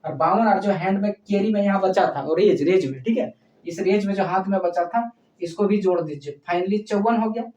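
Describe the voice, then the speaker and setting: Heard from afar in a reverberant room, this math teacher solves a problem one step at a time, pausing to ask "okay?" and affectionately addressing pupils as "child." The voice is medium in pitch and dark, with the high frequencies cut off.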